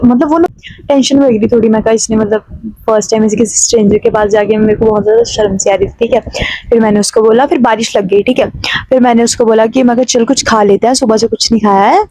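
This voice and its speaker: A woman's voice: fairly high pitch, warm tone, no echo, poor audio. A young woman from Himachal Pradesh, a vlogger telling a story to camera in a chatty way with many fillers and restarts. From Himachal Pradesh, India.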